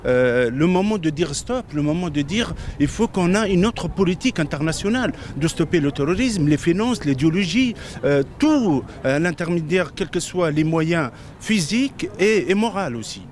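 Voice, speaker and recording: A man from Tunisia gives an earnest, halting statement at an outdoor rally, often circling back to repeat himself. His voice sits slightly high. Faint city noise runs beneath him. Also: expressive, darkish tone. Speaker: protester. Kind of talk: street interview statement.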